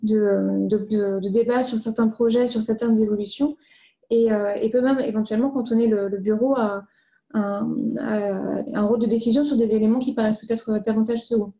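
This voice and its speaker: In a formal presentation of findings, a woman speaks with a fairly high, very mellow and soft-edged voice. She works through her explanation methodically, point by point, keeping a steady tone at a moderate pace.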